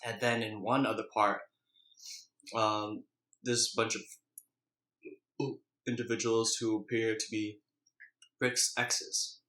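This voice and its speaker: Casting: young male vlogger, bright edge but monotone, loose unscripted recap style, hesitant and colloquial, recorded in an echoey room. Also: fairly low pitch, slow, pauses often. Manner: rambling, colloquial, hesitant delivery. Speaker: vlogger reviewing a TV episode. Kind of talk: casual, unscripted episode recap. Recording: echoey, roomy sound.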